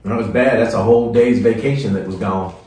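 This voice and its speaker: Older-ish guy in his 50s co-hosting, lowish, short chatty comments, lots of room echo. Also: a little fast, a little mellow. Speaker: co-host. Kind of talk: casual chat, short remarks. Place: small indoor room, seated at table. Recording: echoey room, distant microphone.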